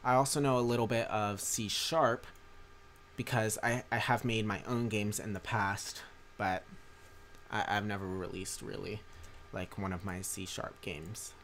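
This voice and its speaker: This young man streams a strategy game and builds mods; worn out from a long day, he chats loosely, reads chat, and keeps restarting with plenty of fillers. His fairly low, fairly bright voice is steady and unhurried, over a little hiss or hum.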